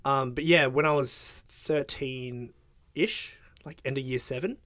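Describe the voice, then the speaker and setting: A man's voice: mid-range voice, a little slow, no room sound, clean studio sound. A young man, a guest in a casual interview, talking hesitantly with lots of fillers. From Australia. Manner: hesitant, filler-heavy, soft-spoken.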